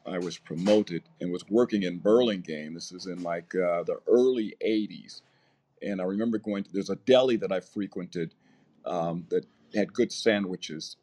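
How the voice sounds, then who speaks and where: A man in his sixties from Southern California, co-hosting a discussion and telling a personal story in a relaxed way with many fillers and restarts. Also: low-pitched. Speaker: podcast co-host.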